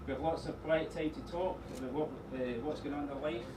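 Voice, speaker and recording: A middle-aged man giving an informal wedding speech as father of the bride, rambling a little with pauses and dry teasing asides. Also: on the high side, steady tone. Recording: echoey room, distant mic, noisy background.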